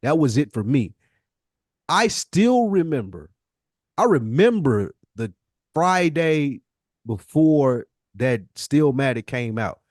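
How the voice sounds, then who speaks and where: Speaking slowly in a mid-range, darkish, sing-song voice, a man co-hosts a podcast where he argues and shares stories about hip-hop. His style is casual, slangy and emphatic, and he tends to repeat things to drive them home. It's a clean studio recording with no room sound.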